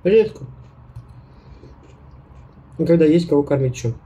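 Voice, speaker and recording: Woman vlogger, very mellow dark tone, rambling mukbang chatter, mouth full and chewing. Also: deep voice, lively intonation, a little slow, lo-fi sound. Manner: chatty, rambling, talks straight to viewers. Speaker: food vlogger. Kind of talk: casual mukbang chat to viewers.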